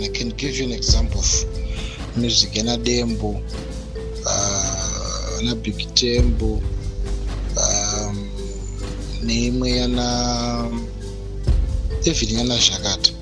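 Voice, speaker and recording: Zimbabwean man in a voice message. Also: medium pitch. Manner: hesitant, pausing to find words. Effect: recorded voice message played back. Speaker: listener asking a question. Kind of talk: casual spoken voice message.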